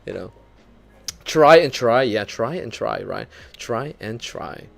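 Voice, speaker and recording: Over soft background music, a young Filipino VTuber talks slowly in a mid-range voice with some vocal fry. His English has a light North American lean, and his casual chat with viewers is full of laughter, self-mockery, and animated retellings.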